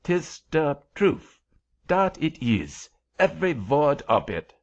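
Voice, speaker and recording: An irascible little supernatural creature from a storybook, bossy and blustering in broken English with a strong German accent. The voice is pushed high and loud, leaping about in pitch. Words are stretched for emphasis, on a slightly muffled recording. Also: male voice, very animated, takes it slowly, heavily acted. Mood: scornful. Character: bossy, irascible little creature, self-styled odd angel.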